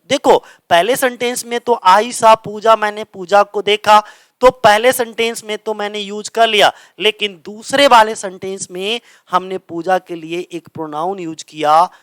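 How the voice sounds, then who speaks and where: Bright-voiced male teacher, self-answering questions. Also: sits high, normal speed, clean tone, dry recording. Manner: asks questions and answers them himself, repeats key words. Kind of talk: grammar lesson explaining in Hindi.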